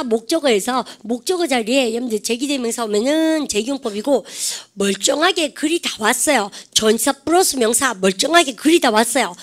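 A woman teaching an English grammar lecture, quizzing her class with lively rhetorical questions. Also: on the high side.

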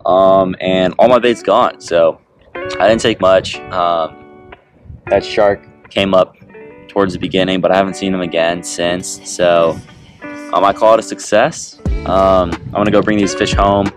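A young man filming a casual fishing vlog from a kayak at sea on an action camera, upbeat and chatty, letting out excited whoops when a fish bites. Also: sits low, a little slow. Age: young adult. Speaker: fishing vlogger. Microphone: action camera on the boat. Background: loud music bed.

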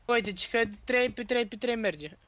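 A man's voice: extremely high pitch, expressive. A man playing a game with a streamer, giving orders and teasing in casual chat. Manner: bossy, teasing, shouts instructions. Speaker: co-player. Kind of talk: casual live gameplay chat.

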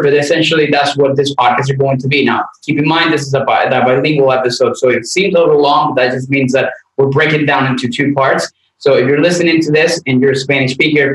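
A man's voice: medium pitch, echoey room, rough recording. A man hosting a casual nutrition podcast, talking in an easygoing, rambling way with many restarts. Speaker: podcast host, nutrition coach.

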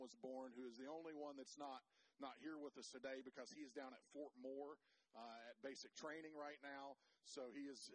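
A middle-aged man preaching to his church, stumbling over his words and starting his sentences again and again. His voice sits at an ordinary pitch, neither low nor high. He sounds emotional and loose, and he jokes with the congregation as he goes. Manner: halting, self-interrupting, emotional and playful. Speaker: pastor. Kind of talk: sermon. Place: church sanctuary.

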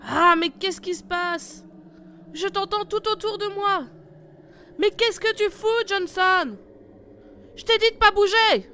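A woman's voice: medium pitch, measured pace, pauses often, fairly bright tone, slight background noise, natural voice. A woman voicing a tough female squad leader in an amateur horror audio drama, giving curt, commanding orders. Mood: frantic. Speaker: team leader.

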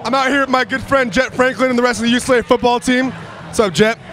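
A young man, a college football player, playing a showy fill-in TV host with a loud voice. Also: very high-pitched, steady tone, fast talker. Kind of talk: mock broadcast intro. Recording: music and crowd noise behind.

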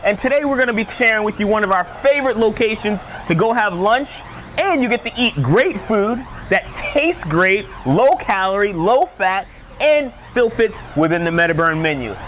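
A man's voice: high-pitched, moderate pace, slight background noise. A young man, a fitness coach, talking energetically and promotionally to the camera at a restaurant. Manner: energetic, promotional, talks with hand gestures. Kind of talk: upbeat fitness vlog presenting. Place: outside a restaurant, then at a table indoors.

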